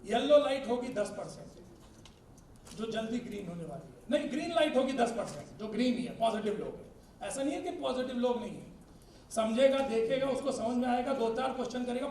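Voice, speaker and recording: High-voiced man, energetic sales trainer. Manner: energetic, joking, uses cricket analogies; laughs often while speaking. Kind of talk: motivational sales training talk. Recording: echoey room, distant mic, faint noise.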